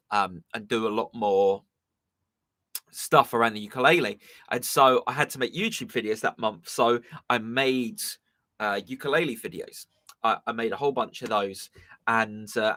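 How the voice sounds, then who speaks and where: Rambling with ums and uhs, a young southern English musician chats casually as host of his live stream. He has a mid-range, pushed, bright voice with a touch of strain, recorded without echo.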